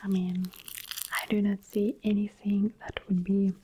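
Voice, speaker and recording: In a soft-spoken ASMR medical roleplay, a woman playing specialists uses a mid-range, level voice that is breathy and often slips into a whisper. Recorded close-up with faint background noise, she offers personal attention in a gentle, reassuring, unhurried way, softly checking with "okay."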